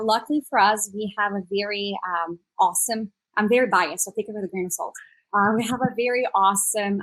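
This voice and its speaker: Her mid-range, fairly bright voice arrives on a rough recording as this Brazilian woman in her thirties talks about her startup. She's a native Portuguese speaker with a Brazilian Portuguese accent, appearing as a startup executive on a conversational panel interview, upbeat and full of "uh" fillers.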